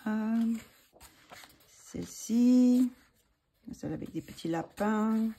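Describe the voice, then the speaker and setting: A woman with a somewhat high, dark-toned voice speaks slowly as she hosts her own channel, showing books for a giveaway. Her casual chat is hesitant, with many fillers and restarts.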